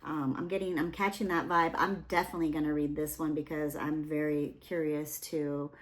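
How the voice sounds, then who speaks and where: A woman's voice: sits low, little pitch movement, moderate pace. A young adult woman giving a casual, rambling tarot reading, full of fillers and asides. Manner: rambling, chatty, with many fillers. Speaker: tarot reader.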